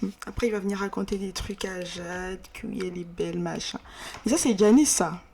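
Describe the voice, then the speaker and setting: A woman's voice: medium pitch, a little fast, gravelly, a little mellow, slight background noise. A woman casually narrating a life-simulation playthrough in a slangy, chatty way with many fillers. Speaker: game narrator. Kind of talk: casual let's-play narration.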